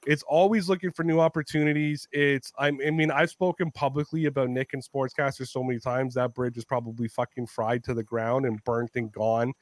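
A man hosting a podcast, telling a story in casual chat, animated, swearing freely and acting out what people said. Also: mid-range voice, fairly quick, hardly any pauses, no room sound. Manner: animated storytelling, swears a lot, acts out quotes. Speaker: podcast host.

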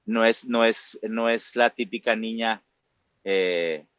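Low-voiced Mexican man, reflective. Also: slow pace, fairly bright tone, smooth, no echo, dull audio. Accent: Mexican Spanish. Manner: reflective, frequent fillers and tag questions. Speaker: musical theater performer, guest. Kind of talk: casual interview talk.

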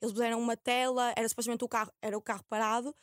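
A woman's voice: on the high side, flat delivery, very fast, no echo, clean studio sound. A young woman with a European Portuguese accent chatting casually as an interview guest, slangy and mixing in English words. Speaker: guest, actress. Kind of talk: casual chat.

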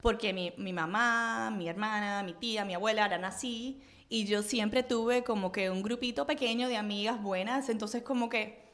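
A woman's voice: mid-range voice, steady tone, moderate pace, hardly any pauses, fairly bright tone. A woman guest in a podcast interview, a business coach who laughs easily and agrees readily.

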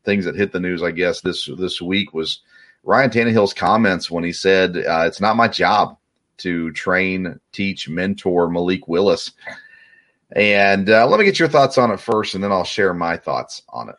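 A man's voice: low-pitched, lively intonation, a little slow, a bit bright. A man hosting a sports podcast, chatting casually with many fillers and restarts. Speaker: podcast host.

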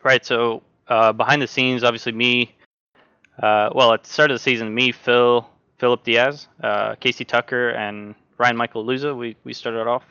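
A man's voice: medium pitch, clean tone, no room sound, lo-fi sound. A young man from Norway, a sim racing driver, talking casually as a podcast guest with lots of fillers and restarts. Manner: relaxed, halting, many fillers and restarts.

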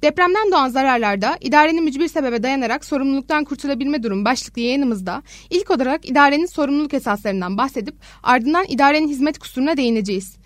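Fast, high-voiced woman host reading questions. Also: no echo. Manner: formal and polite. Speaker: student radio show host.

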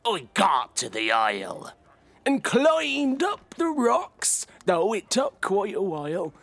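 An actor playing a very old, blind, wily sailor who persuades in rhyme, as in an audio drama. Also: male voice, high voice, wildly swooping pitch, takes it slowly, gravelly, fairly bright tone, no room sound, full character voice. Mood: eager, persuasive. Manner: very old man's delivery. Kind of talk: rhyming audio drama storytelling.

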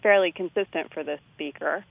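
A woman's voice: sits low, a little fast, vocal fry. A woman linguist giving expert commentary, analytically explaining pronunciation step by step. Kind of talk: expert commentary on speech samples. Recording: tinny phone line.

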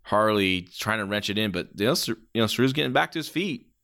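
A man's voice: lowish voice, expressive, quick pace, a bit bright. A man doing casual play-by-play as a wrestling commentator, reacting with exclamations and the odd swear word.

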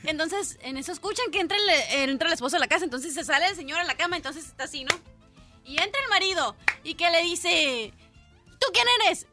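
A woman's voice: very high-pitched, quick pace, music in the background. A woman co-hosting a comedy radio show, chatty and hurrying through a joke. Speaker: radio co-host. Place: radio studio.

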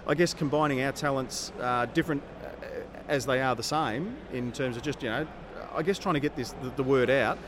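An Australian man with a mid-pitched voice chats as a podcast co-host. He is hesitant, wry and self-deprecating. The low-quality recording carries clear noise from the venue. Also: a little fast, few pauses. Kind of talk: casual chat. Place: above the floor of a festival hall. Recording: low-quality, noisy on-location event recording.

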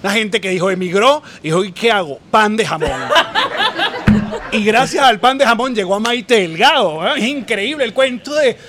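A Venezuelan man hosting a live podcast, jokey and loud, laughing often. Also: high-pitched, expressive, moderate pace, a crowd in the background. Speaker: podcast host. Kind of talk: casual chat. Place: live podcast before an audience.

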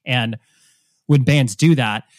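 Slow and medium-pitched, this man from the United States hosts a podcast interview. The conversation is casual, and his turns run long and rambling, full of fillers and restarts.

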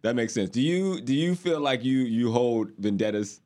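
A man hosting a sports podcast, nudging his guest along in casual chat with short questions and quick agreements. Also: mid-range voice, lively intonation, darkish tone. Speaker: podcast host.

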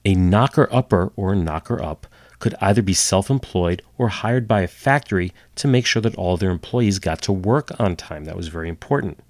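Getting over a cold and sounding slightly nasal, this history podcast host tells stories with dry, wry asides. His voice sits low with a darkish tone, expressive and moderately paced, and the home computer recording is dry.

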